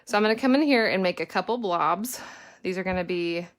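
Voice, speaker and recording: A woman's voice: on the low side, fairly quick. A woman chatting casually as she leads a painting lesson in her home studio, talking through each step. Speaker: lettering teacher and mother.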